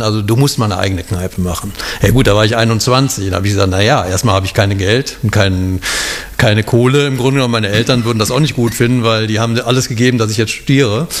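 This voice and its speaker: Fast-talking middle-aged man. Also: mid-range voice. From Cologne, Germany. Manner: fast, rambling, many fillers and restarts. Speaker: guest, bar owner and musician. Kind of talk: casual interview storytelling.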